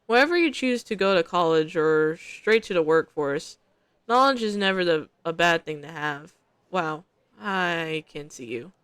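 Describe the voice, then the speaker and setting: A woman's voice: on the low side, animated, measured pace, fairly bright tone, clean tone, dry recording. Streamer: young woman, reads game text aloud, slangy asides, dry close sound. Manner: chatty, slangy asides between narration. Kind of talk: reading a visual novel aloud with casual commentary.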